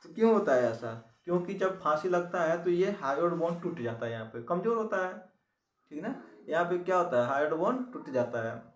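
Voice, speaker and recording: A man's voice: on the high side, lively intonation, a little fast, recorded from a distance. A man teaching an exam-prep biology lesson, repeating key terms and asking the listener questions. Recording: echoey room, voice from off-mic.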